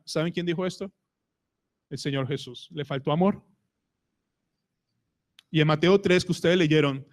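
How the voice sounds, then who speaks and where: A man with a Colombian Spanish accent preaching a sermon in church, asking the congregation questions and retelling conversations. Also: a little high. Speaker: pastor.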